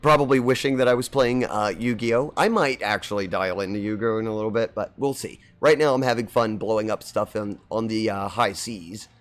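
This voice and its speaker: A man's voice: lowish voice, brisk, few pauses. A man streaming a game and chatting casually with viewers, his voice slightly scratchy from seasonal allergies. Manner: rambling, friendly, greets chat by name. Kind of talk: casual chat while gaming.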